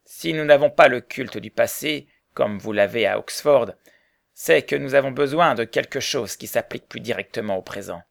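A man reading the lines of an earnest middle-aged mill owner in a storybook, in a measured, serious way. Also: medium pitch, vocal fry, no echo, clean studio sound, natural voice.

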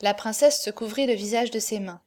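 A woman reading a classic novel aloud as an audiobook narrator, in a measured, even manner. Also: a little high.

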